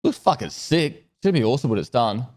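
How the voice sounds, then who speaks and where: On a live stream, a man with a mid-range voice speaks fast and chats casually, relaxed and rambling while he thanks subscribers; his nose is stuffy from a cold.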